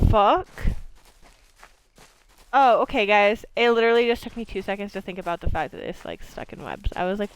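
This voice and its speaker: A woman's voice: medium pitch, rough recording. A young woman from Maine, a streamer, chatting casually and swearing freely while she plays a game. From Maine, USA. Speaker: livestreamer.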